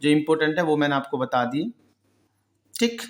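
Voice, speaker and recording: A male teacher giving a vocabulary lesson, who explains patiently, answers his own questions and repeats each word slowly. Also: on the high side, lively intonation, roomy sound. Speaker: English pronunciation teacher. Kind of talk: Hindi-language vocabulary lesson.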